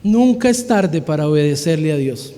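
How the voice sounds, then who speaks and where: A male pastor preaching a sermon in a lively, colloquial way, often asking the congregation questions. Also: on the high side, normal speed. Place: church. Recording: reverberant church hall.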